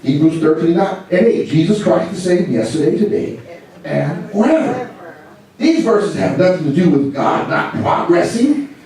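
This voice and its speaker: A man preaching a sermon in an animated, mocking way, with laughing asides. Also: high voice, a little slow. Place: church sanctuary. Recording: echoey church from far off with congregation.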